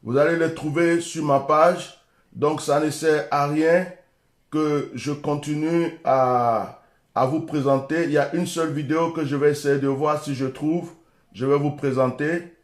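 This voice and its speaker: A man's voice: fairly high pitch, steady tone, a little slow, roomy sound. A man with an Ivorian French accent, a preacher giving an urgent, repetitive livestream address. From Côte d'Ivoire. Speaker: preacher hosting a live stream.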